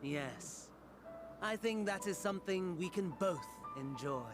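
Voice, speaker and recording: A man playing a scheming, courtly game villain, mocking and morbidly delighted, with mannered formal phrasing and dramatic pauses. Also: sits high, expressive, music in the background. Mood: morbid reverie. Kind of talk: dramatic video game voice acting.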